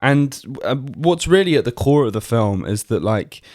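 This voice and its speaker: A man co-hosting a podcast, discussing a film in a rambling, halting way with many fillers. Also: mid-range voice, big pitch swings, a little mellow, dry recording, clean studio sound. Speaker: podcast co-host.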